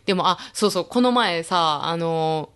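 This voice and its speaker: A woman's voice: lowish voice, normal speed, a bit bright, clear, resonant tone. Woman, Kansai accent, casual podcast chat, easygoing, storytelling. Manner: easygoing, agreeable, tells stories. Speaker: podcast co-host.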